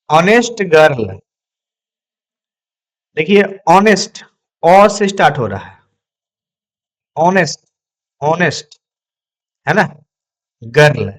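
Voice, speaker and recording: Slow, repetitive male grammar teacher. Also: a little high, a bit bright. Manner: repeats words slowly, asks and answers his own questions. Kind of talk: classroom lesson.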